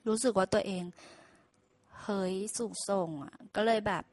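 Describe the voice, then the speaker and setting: A woman's voice: medium pitch, steady tone, a little slow, a little mellow, no room sound. A woman casually retelling a fable to listeners, chatty, with asides and self-corrections. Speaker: storyteller.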